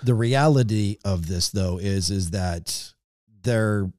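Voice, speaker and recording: A man's voice: lowish voice, slow pace, darkish tone, no echo, clean studio sound. A man hosting a podcast interview, encouraging his guest with short affirmations and follow-up questions. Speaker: podcast host. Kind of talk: interview conversation.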